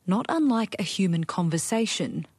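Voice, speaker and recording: A woman reporter reading a scripted news report in a measured, even delivery. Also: mid-range voice, husky, dry recording.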